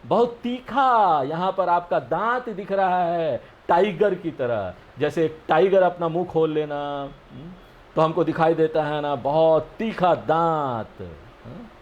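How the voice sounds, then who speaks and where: A man giving a scripture lesson. He explains each verse slowly and often checks with his listeners. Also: fairly high pitch, animated, muffled recording. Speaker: spiritual teacher.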